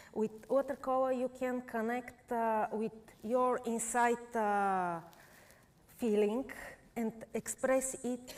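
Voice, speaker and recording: A Bulgarian woman painter with a Bulgarian accent and Bulgarian as her first language, demonstrating live before an audience. She speaks in halting, simple English with many pauses. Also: fairly high pitch, a little mellow. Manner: halting non-native English with frequent uh pauses.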